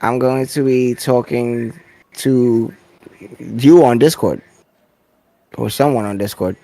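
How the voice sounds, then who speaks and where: A man's voice: medium pitch, takes it slowly, dry recording. A man from New City, chatting and joking on a live stream, close to the mic. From New York City. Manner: laid-back, joking, greets chat loudly. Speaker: streamer guest. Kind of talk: casual chat on a live stream.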